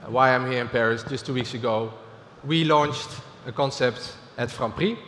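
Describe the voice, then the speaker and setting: A man's voice: medium pitch, a bit bright, a little hiss or hum. Dutch-accented man in a reverberant hall. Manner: halting, with frequent fillers and restarts. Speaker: keynote speaker. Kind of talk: business keynote presentation. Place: large conference stage. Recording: reverberant hall with faint ambience.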